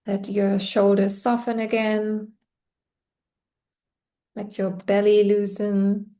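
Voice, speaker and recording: A woman guides a meditation in a soft, soothing way. Her voice is warm and mellow, and her pitch barely moves. She talks very slowly and leaves long pauses between phrases. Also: level tone.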